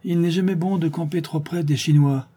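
An alarmed young camel-driver, as a man reads him aloud, urgent and a little raised in a storybook reading. The voice is dark and husky. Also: a little high, fairly even intonation, a little fast, pitched above the performer's own voice.

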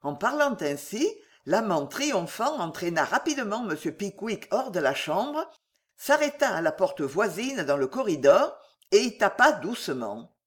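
A woman reads a classic novel aloud in a theatrical, expressive manner. Her intonation is lively, moving freely across a middle-pitched voice. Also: a little slow. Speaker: audiobook narrator. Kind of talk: scripted narration of a classic novel.

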